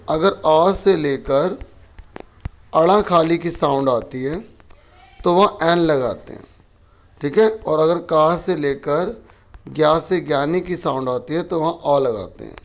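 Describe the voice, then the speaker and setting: A man, a teacher patiently explaining a school worksheet, asking questions and answering them himself. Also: a little high.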